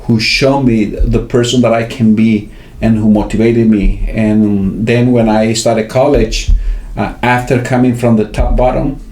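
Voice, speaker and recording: Guy in his 50s, warm low-key voice, lots of ums and "right?", echoey room. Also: fairly even intonation, a little slow. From Venezuela. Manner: hesitant, many fillers and tag questions. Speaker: podcast guest. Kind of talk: casual interview. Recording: roomy echo.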